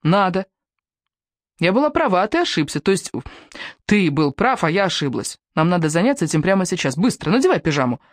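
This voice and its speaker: A woman's voice: lowish voice, sing-song, a little fast, dry recording, studio quality. A woman doing a harried, stern young mother. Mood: brisk.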